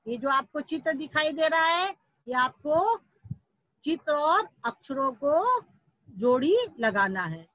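A woman's voice: high-pitched, big pitch swings, slow, fairly bright tone, no echo, poor audio. A woman Hindi teacher giving a recorded lesson to young children. She stretches out each sound, asks questions and then answers them herself. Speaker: primary school Hindi teacher.

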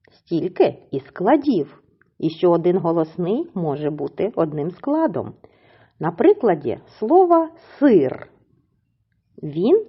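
A woman teacher speaks to young pupils in a recorded lesson, with a low, husky voice whose pitch rises and falls a great deal. She goes slowly and carefully and stretches each example word out syllable by syllable. The recording sounds dull and lo-fi. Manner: slow, deliberate, stretches example words syllable by syllable. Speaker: primary school teacher.

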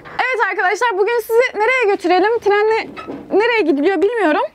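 A young woman vlogging outdoors at an abandoned site, excitable, jokey and easily scared. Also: very high-pitched, fast, a little hiss or hum. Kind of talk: casual vlog chat.

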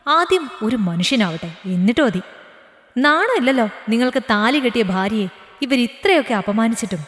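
A woman voicing a defiant, sharp-tongued young woman who speaks with mocking scorn. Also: fairly high pitch, lively intonation, normal speed, reverberant, in a large hall. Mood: scornful.

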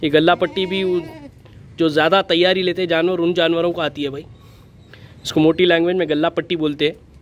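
A man, walking viewers through a goat for sale in a casual, steady way, often calling them brother. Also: on the high side, fairly quick. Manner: flat, steady, repeatedly says "bhai". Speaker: goat farm seller. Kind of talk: casual sales walkthrough. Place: outdoor goat pen.

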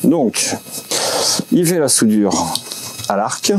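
A man in his forties casually unboxing and showing a tool in a small indoor workshop office, relaxed and halting with many fillers. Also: mid-range voice, noisy background. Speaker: vlogger.

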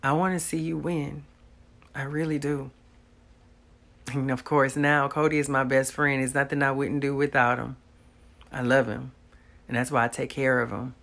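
A woman's voice: very deep voice, level tone, normal speed, gravelly, pauses often, fairly bright tone. A woman, earnestly telling a personal testimony straight to the camera from a small room at home. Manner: earnest, talks straight to viewers, faith-filled. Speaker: vlogger.

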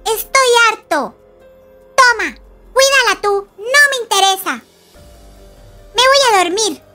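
A woman's voice: very high-pitched, lively intonation, slow pace, sharp tone, soft background music, pitched above the performer's own voice, exaggerated voice. A woman voicing a jealous, sulky young boy creature who grumbles defiantly in a game role-play story.

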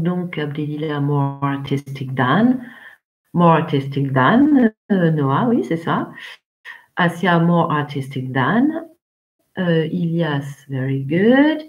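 A woman's voice: deep voice, muffled recording. A woman teaching English in a live online class, encouraging pupils and calling on them by name. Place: home, remote teaching.

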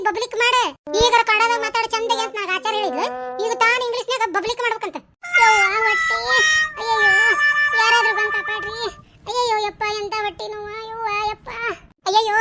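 A woman voicing bickering village women in a cartoon, talking in quick bantering dialect with a North Karnataka Kannada accent. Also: very high-pitched. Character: bickering village women, a landlady and her helpers. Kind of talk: cartoon voice acting.

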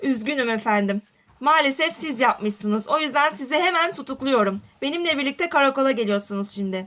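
A woman's voice: high-pitched, animated, a little fast, fairly bright tone, voice pushed down. A woman voicing a stern adult male police officer who scolds firmly in a doll roleplay. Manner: firm, scolding.

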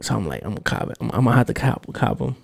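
A gravelly-voiced man in his thirties, mid-range in pitch and a fast talker, co-hosts a casual podcast. He tells stories animatedly with heavy swearing, recording in a small home studio on a boom-arm studio mic with headphones.

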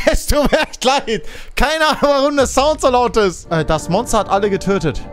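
A young man commenting loudly on a horror game, joking, laughing and letting out mock screams. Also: very high-pitched, moderate pace. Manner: loud, jokey, shouts and mock screams. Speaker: gaming streamer. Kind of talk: excited gameplay commentary. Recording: game music underneath.

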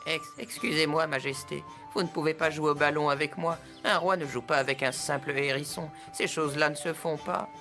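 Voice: mid-range voice, fairly even intonation, fairly quick, few pauses, pushed and bright, soft background music. A cartoon voice of a timid, polite male hedgehog who stammers his deference to the king. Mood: deferential. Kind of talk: French cartoon voice acting.

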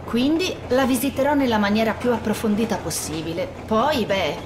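A woman's voice: a little high, moderate pace, over a noisy crowd, lightly acted. A woman playing a young, composed, caring and practical medic in a video game. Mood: calm, reasoning. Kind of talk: video game voice acting, Italian dub. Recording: roomy, very noisy game ambience.

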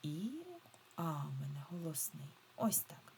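A woman teacher with a somewhat low voice leads a remote reading lesson for young children. She draws words out slowly and sounds them out syllable by syllable, repeating each one patiently. A faint hiss sits under her voice. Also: vocal fry, darkish tone. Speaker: primary school teacher.

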